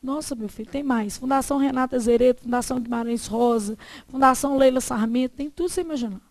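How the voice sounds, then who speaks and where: A woman's voice: high-pitched, quick pace, darkish tone, dry recording. A Brazilian woman teaching a Portuguese class, putting questions to her students and answering them herself. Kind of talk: classroom lesson on exam questions.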